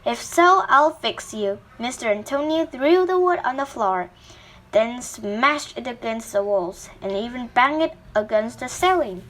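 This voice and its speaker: A woman reads a children's storybook aloud as a storyteller. Her voice sits high, and she reads slowly and deliberately. Now and then she slips and restarts a word. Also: lively intonation. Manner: slow, deliberate reading with small slips and restarts.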